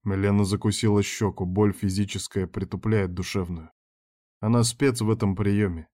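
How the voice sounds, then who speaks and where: A man reading a first-person audiobook, measured and cold, with hard, curt delivery in his dialogue. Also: lowish voice, fairly even intonation, mellow. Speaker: audiobook narrator.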